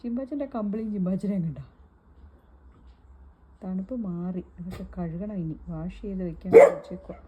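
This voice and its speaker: A woman's voice: fairly low pitch, normal speed, pauses often, breathy edge, highs cut off. A woman filming her pet dog, chatting casually to it and to viewers in a sing-song baby-talk way.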